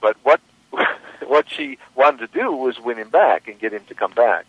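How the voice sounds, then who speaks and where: A man's voice: mid-range voice, expressive, measured pace, breathy edge, dry recording. A man hosting a radio show as a coach, probing his guest with questions and repeating key phrases for emphasis. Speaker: radio host and life coach. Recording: dry, dull lo-fi radio audio.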